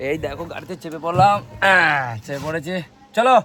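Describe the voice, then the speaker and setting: Bright high-voiced young man vlogging. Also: brisk. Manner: chatty, teasing, talks to viewers as guys. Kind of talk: casual family vlog. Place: village home and outdoors, handheld camera.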